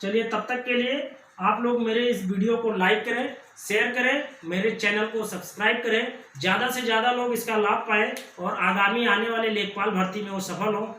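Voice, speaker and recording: A man teaching a grammar lesson, explaining slowly and repeating key points. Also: high-pitched, fairly even intonation, pushed and bright, reverberant, recorded from a distance, a little hiss or hum, low-quality recording. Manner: slow, repetitive explaining.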